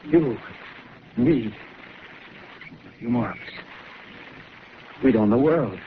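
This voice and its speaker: A man's medium-pitched, expressive voice takes the part of a rough, scheming soldier in a 1930s radio drama broadcast live, tinny and full of hiss. He delivers the character's feverish, meandering working-class slang at a slow pace.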